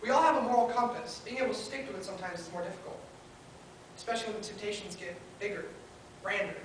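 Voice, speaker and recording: A woman's voice: mid-range voice, fast. A woman preaching a sermon at a pulpit microphone, earnestly building her points in short listed phrases. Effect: spoken into a pulpit microphone. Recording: very echoey hall, heard from far off, faint hiss.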